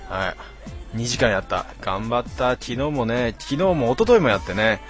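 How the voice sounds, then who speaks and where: A man in his twenties, a bit tipsy, chatting casually on a live stream as he reads out viewer comments in rough, slangy, self-mocking banter. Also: medium pitch, normal speed, faint music behind. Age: 20s.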